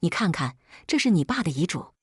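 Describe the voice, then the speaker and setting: A woman's voice: fairly low pitch, big pitch swings, fairly quick, slightly rough, dry recording, studio quality, full character voice. A woman voicing a smug pregnant young daughter-in-law.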